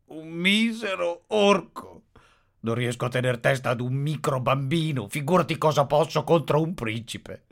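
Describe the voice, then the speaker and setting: A man voicing a gloomy, self-pitying aging ogre who grumbles gruffly. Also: mid-range voice.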